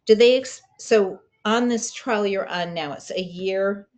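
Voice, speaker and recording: A woman's voice: medium pitch, a little slow, a little mellow. A woman leading a support group chat over a video call. Her voice sits in the middle of the range. She is chatty and a little wry, and she keeps the talk going with questions. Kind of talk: casual chat.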